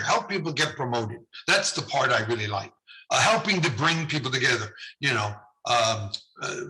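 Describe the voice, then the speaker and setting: Chatty bright-voiced man, rambling. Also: a little high, low-quality recording. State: losing his voice. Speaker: journal editor. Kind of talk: prerecorded conference video talk.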